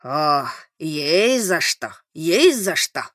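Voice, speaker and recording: A man voicing a drunk, overexcited former restaurateur in an audiobook, loud and exclamatory. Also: fairly high pitch, sing-song, extremely slow, dry recording, clean studio sound, full character voice. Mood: drunk elation. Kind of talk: audiobook character reading.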